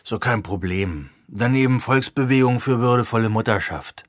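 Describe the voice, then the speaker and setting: A man's voice: medium pitch, moderate pace, no room sound, studio quality, lightly acted. A man voicing a grumpy, chilled young man with a cold, talking bluntly. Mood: grumbling. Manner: grumbling, blunt. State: sniffly from a cold.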